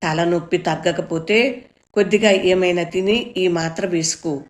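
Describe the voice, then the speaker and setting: A woman's voice: fairly low pitch, steady tone, measured pace, reverberant, close to an everyday voice. Woman voicing a fretful, caring mother. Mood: reassuring. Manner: fretful and fussing, then soothing. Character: anxious, caring middle-aged mother.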